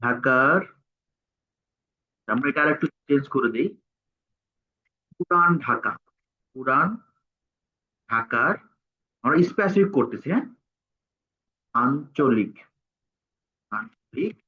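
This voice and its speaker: A man's voice: mid-range voice, lively intonation, slightly rough. A man, teaching a tutorial and dictating word by word as he types. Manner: halting, dictates word by word while typing. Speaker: instructor. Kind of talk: screen-recorded tutorial. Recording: tinny phone-like sound.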